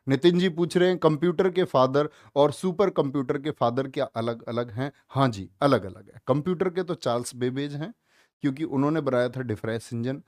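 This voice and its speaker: A man teaching a live online class, loud and emphatic, drilling students with repeated questions. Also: mid-range voice, brisk, no echo, clean studio sound.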